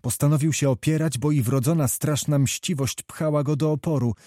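A man reading a novel aloud as narrator in a measured, steady manner. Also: fairly high pitch, dry recording, studio quality. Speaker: audiobook narrator. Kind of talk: scripted storybook narration.

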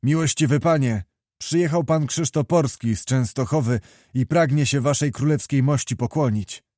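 A man's voice: medium pitch, normal speed, darkish tone, no room sound, studio quality, natural voice. A man voicing an older royal chamberlain making a formal announcement, in a read-aloud historical novel.

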